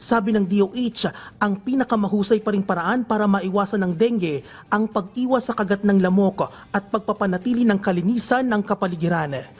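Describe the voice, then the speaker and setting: Man reading a formal news report. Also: high voice. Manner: measured, formal newsreader delivery. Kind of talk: scripted news report voice-over.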